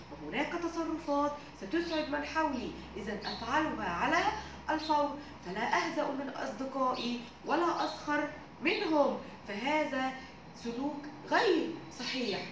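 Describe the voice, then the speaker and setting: High, lively woman teaching young children. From Egypt. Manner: warm didactic tone, addresses the children as dear ones. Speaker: primary school teacher. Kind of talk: reading a story and explaining vocabulary and grammar to young children. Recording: echoey room, distant mic, background noise.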